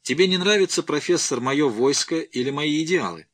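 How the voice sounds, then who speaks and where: A man's voice: on the high side, animated, brisk, a bit bright, no echo, clean studio sound, voice pushed up. A man voicing a cold, menacing male rebel warlord who broods aloud and barks orders. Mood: brooding.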